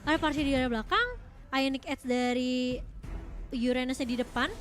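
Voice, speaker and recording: A woman calling a live game match excitably, like a fighting game announcer. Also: high-pitched, normal speed. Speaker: esports shoutcaster. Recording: music behind the voice. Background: music.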